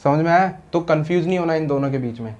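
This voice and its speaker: A man's voice: a little high, fast, darkish tone, highs cut off. A man teaching shorthand in a classroom style, explaining step by step and asking rhetorical questions, mixing Hindi with English terms.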